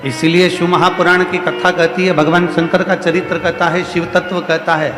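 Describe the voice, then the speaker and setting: A kathavachak preacher with a central Indian Hindi accent gives a devotional sermon to a large crowd at a big outdoor or hall religious gathering, his voice on the high side, level in tone, at normal speed. He builds each point through repetitive, rhythmic preaching with rising refrains. The recording has an echoey hall, long reverb and faint music.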